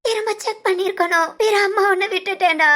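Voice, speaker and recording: A very high, thin voice belongs to a grieving mother, as a woman voices her in a cartoon family drama. She speaks tearfully and pleads, as if she is blaming herself. The delivery is close and plain. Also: quick pace, fairly bright tone. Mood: remorseful. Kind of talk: animated family drama voice-over.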